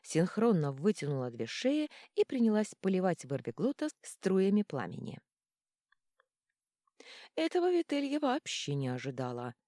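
A woman narrating an audiobook with expressive, lively storytelling. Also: on the low side, moderate pace, no room sound, studio quality. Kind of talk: scripted narration.

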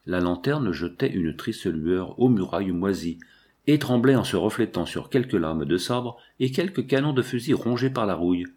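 Low-voiced man reading a novel. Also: animated, darkish tone. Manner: measured, dramatic reading. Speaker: audiobook reader. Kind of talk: literary narration.

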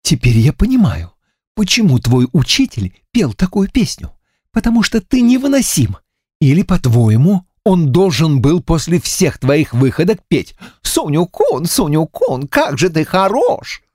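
Man doing a high, lively voice of a loud sarcastic blonde young woman, dry close sound, audiobook. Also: normal speed, slightly rough, dry recording, exaggerated voice. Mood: indignant. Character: brash blonde young woman, quick to anger.

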